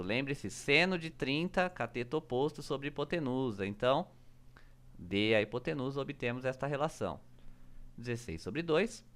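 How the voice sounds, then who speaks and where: A physics teacher talks through a solved problem one step at a time. His pitch moves around a lot as he reads out each calculation. The delivery is methodical, term by term. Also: a bit bright. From Brazil. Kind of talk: step-by-step worked-problem explanation.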